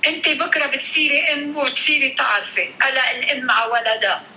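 Sharp, high-voiced Lebanese mother. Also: steady tone, fast, slight background noise, rough recording. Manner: motherly, explanatory, uses endearments and proverbs. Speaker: mother on a call with her grown daughter. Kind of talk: casual family phone chat.

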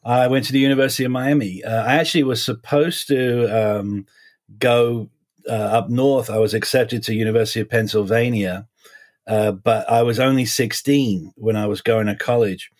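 A man in his forties with a slight Essex English accent softened by American years, chatting casually as an interview guest in halting, repetitive phrasing. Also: mid-range voice, steady tone. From suburbs of London, England (Essex), then Florida from age 12. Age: 40s. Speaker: guest, criminal defense lawyer.

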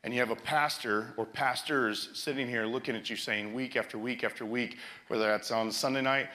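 A man's voice: mid-range voice, steady tone, brisk, bright, forceful tone. A man preaching a sermon as a pastor, telling stories and often restarting his phrases.

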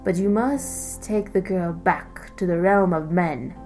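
A woman voicing an ancient, menacing male sea serpent who speaks slowly and threateningly. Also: on the low side, darkish tone, soft background music. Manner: slow, drawn-out, threatening.

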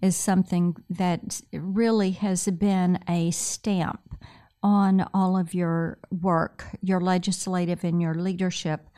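A woman from Tennessee hosting an interview, who speaks in a measured, affirming way as she sets up her questions. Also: fairly low pitch, flat delivery, mellow, smooth. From Tennessee, USA. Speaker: interview host.

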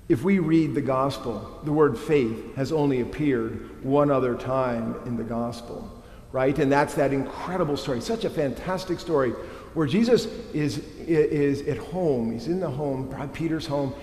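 A middle-aged man preaching a sermon as a pastor, animated and tossing in rhetorical questions. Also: fairly high pitch. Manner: animated, frequent rhetorical "right?". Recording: echoey hall with long reverb.

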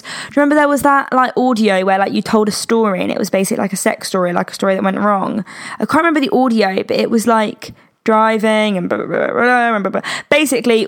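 A young British woman in her twenties hosting a podcast, chatting frankly and giggling, with lots of fillers. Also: mid-range voice. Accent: British English. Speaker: podcast host. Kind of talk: casual chat.

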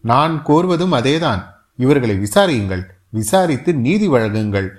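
A brash young warrior, bold and quick with his tongue, as a male narrator puts him on. He speaks with indignant, commanding force in a storybook reading. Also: mid-range voice, big pitch swings, natural voice.

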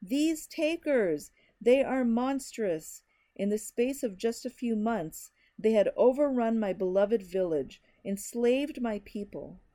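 Lady reading as a desperate stranger guy, frantic and pleading, yelling his warning in a storybook. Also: medium pitch, big pitch swings, unhurried. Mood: anguished. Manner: frantic, pleading, rising to shouts.

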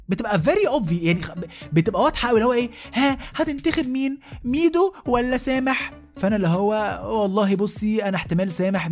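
An Egyptian man in his thirties delivering a comic rant as a podcast host, asking "you know what I mean" again and again. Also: sits high. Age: 30s. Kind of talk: comic monologue.

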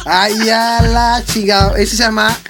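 A man's voice: high voice, unhurried. Sing-songy joking podcast guy. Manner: animated, slangy, breaks into sing-song voices. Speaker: podcast co-host. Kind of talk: joking casual chat. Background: loud hip hop music.

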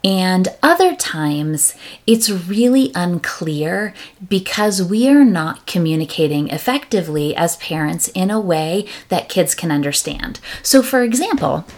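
A woman hosting a parenting podcast as a parent coach, talking casually and upbeat, acting out quick quotes of parents and kids. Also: lowish voice, big pitch swings.

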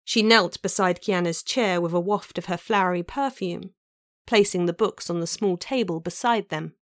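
A woman narrating a fantasy novel as an audiobook, with an even storytelling delivery. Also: lowish voice, normal speed, no echo, studio quality.

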